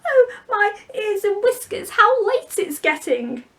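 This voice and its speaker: A woman's voice: extremely high pitch, sing-song, slow pace, fairly bright tone, recorded from a distance, voice pushed up, exaggerated voice. A woman voicing a small, flustered male rabbit in a frantic, squealing rush. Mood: panicked.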